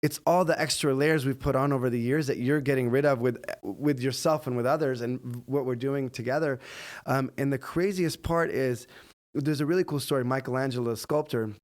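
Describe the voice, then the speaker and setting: A man co-hosting a casual podcast, earnest and reflective. He often backs up what his co-host says. His voice sits at an ordinary middle pitch. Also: a little fast. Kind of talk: casual chat.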